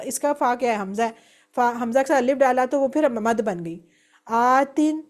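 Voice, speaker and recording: A woman gives a grammar lesson in a fairly high voice. She explains each step patiently and recites verb forms aloud. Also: a little mellow. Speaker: Quranic Arabic teacher.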